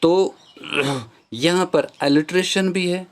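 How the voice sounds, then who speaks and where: A man's voice: sits high, slow pace. A male teacher with a Kashmiri accent, explaining a poem's rhyme and meter step by step, slipping into English phrases. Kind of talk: classroom lecture on a poem.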